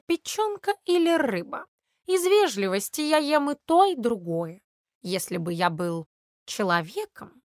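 A woman's voice: high voice, no room sound, clean studio sound, pitched above the performer's own voice. A woman voicing a lazy, sly tomcat who drawls his excuses in a children's storybook reading. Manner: slow, drawling, self-excusing. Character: lazy, sly, well-fed tomcat, male. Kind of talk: storybook narration.

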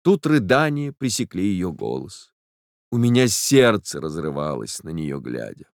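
A man narrating a literary audiobook in an earnest, measured first-person telling. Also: sits low, big pitch swings, no echo, clean studio sound.

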